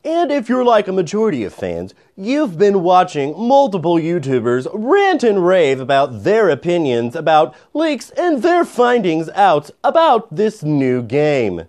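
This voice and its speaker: A man's voice: high voice, wildly swooping pitch, unhurried, hardly any pauses, a little mellow, heavily acted. A young man playing a formal, declamatory male TV news anchor in a comedy sketch. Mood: mock serious. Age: young adult. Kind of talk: mock news anchor delivery, blooper takes. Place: indoors in front of a green screen.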